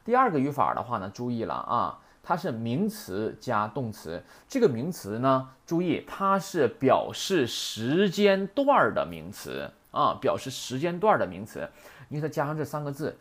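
A man's voice: mid-range voice, sing-song, normal speed, a bit bright. A man teaching Japanese grammar in a chatty lecture, often asking rhetorical questions. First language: Mandarin.

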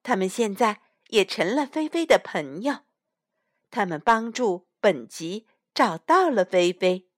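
A mother reading a picture book aloud to her child in a slow, expressive storytelling manner. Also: mid-range voice, dry recording, clean studio sound.

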